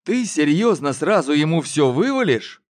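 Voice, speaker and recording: Man voicing a hot-tempered younger twin, touchy, loud, raised pitch, lively, audiobook. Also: normal speed. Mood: touchy, irritable. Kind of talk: audiobook character voice.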